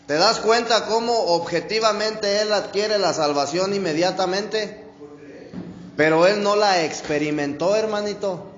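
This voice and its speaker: Slow, high-voiced man preaching in an echoey hall. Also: muffled recording, a little hiss or hum. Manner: conversational preaching, often adds "brother" and "¿sí?"; slow, drawn-out stresses on key words. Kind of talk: sermon. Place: church hall.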